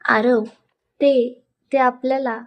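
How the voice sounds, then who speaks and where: A scared, tearful young bride on the eve of her wedding, voiced by a woman reader in a spoken storybook. She talks in a shaky, evasive way, and her voice is fairly high. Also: flat delivery, slow pace, lo-fi sound.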